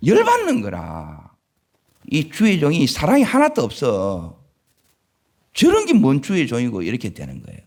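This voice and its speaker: A male pastor with a Gyeongsang Korean accent preaching a sermon in a church, asking the congregation questions and swinging between loud emphatic lines and low murmured asides. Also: gravelly. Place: church sanctuary.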